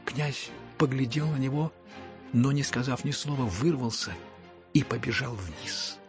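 A man narrating a classic novel as an audiobook in a measured, dramatic storytelling manner. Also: medium pitch, over music.

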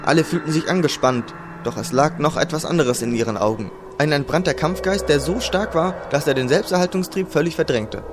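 A man narrating a dramatic fantasy audiobook in a measured storytelling manner. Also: on the high side, background noise. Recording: loud music under narration.

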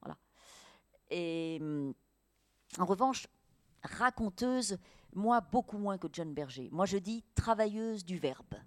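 A woman's voice: mid-range voice, slow pace, long pauses. Fields: Sex: woman. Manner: hesitant, filler-heavy. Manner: hesitant, many fillers, lively emphasis. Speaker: writer and guest. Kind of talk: radio interview conversation.

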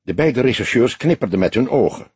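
A man narrating a detective audiobook in measured, lively scripted narration. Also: mid-range voice, slightly rough, no echo.

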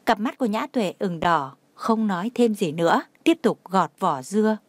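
A woman's voice: mid-range voice, expressive, normal speed, no room sound. Woman narrating a story, dry close voice.

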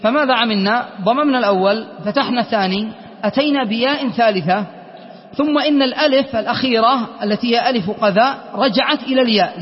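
A man teaching Arabic grammar in a classroom lesson, speaking slowly and deliberately, repeating words and asking his students check questions. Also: very high-pitched. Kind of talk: classroom lesson explaining poetry verses. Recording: dull lo-fi sound with long hall reverb.

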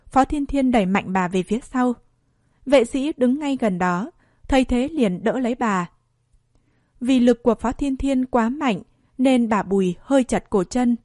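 A woman narrating a dramatic story in a steady storytelling voice. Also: fairly high pitch, dry recording, clean studio sound.

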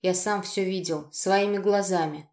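Woman reader doing a hoarse, menacing jealous young man who snarls through clenched teeth; roomy recording. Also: medium pitch, steady tone, measured pace, a little mellow, natural voice. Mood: furious. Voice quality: hoarse, growling. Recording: roomy echo.

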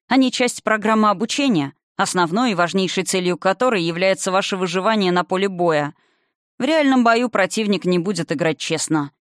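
A reader voicing the spirit of an older father, calm and condescending, who lectures with mocking haughtiness in an audiobook. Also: sits high, dry recording, studio quality, lightly acted. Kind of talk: audiobook character reading.

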